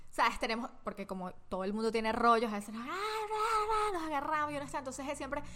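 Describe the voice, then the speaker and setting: An expressive woman chats on a podcast over a video call. Her voice sits a little high and she talks in animated bursts, peppered with slang and fillers. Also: fast talker. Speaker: podcast co-host. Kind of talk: casual chat.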